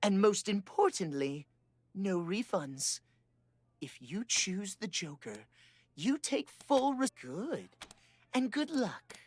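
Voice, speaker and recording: A smooth-talking brothel hostess for a video game. She delivers flowery, theatrical patter at a slow, measured pace, recorded very dry. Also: medium pitch, big pitch swings, dry recording. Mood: businesslike. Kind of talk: video game character acting.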